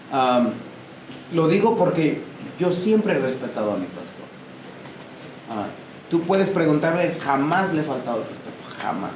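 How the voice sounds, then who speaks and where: Emphatic man preaching in an echoey hall. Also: a little high. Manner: emphatic, animated, addresses listeners directly. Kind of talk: church talk. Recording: echoey church room with noise.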